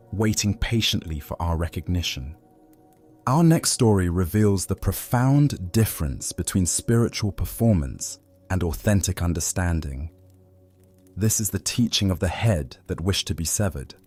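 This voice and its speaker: A man calmly narrating Buddhist teachings and stories as a soothing, scripted sleep narration. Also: low-pitched, breathy edge, faint music behind. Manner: calm, measured, soothing.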